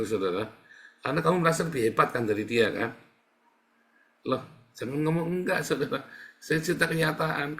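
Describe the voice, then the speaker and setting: A man's voice: fairly high pitch, a bit bright. A man preaching a sermon in a conversational way, asking the congregation questions and answering them himself. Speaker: pastor.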